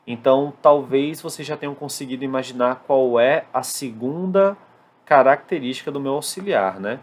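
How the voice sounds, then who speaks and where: A Brazilian man with a Brazilian Portuguese accent, his pitch mid-range for a man, teaching a beginners' English lesson at a whiteboard. He explains things step by step and slows right down to sound out each English example sentence. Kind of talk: classroom-style lesson at a whiteboard.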